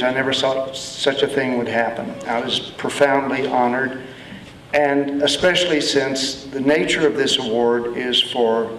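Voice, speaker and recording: A man from Texas giving a slow, heartfelt speech to an audience as a festival honoree. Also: medium pitch, fairly bright tone, a little hiss or hum. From Austin, Texas. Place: event hall. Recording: echoey hall from far off.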